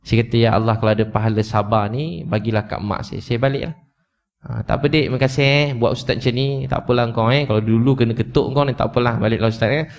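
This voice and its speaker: A man's voice: medium pitch, steady tone, fast, vocal fry. Male preacher, mid-range voice, emotional storytelling sermon, somewhat lo-fi sound. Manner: emotional, repetitive, addresses listeners directly. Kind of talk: storytelling sermon to a live audience. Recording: slightly dull lo-fi recording.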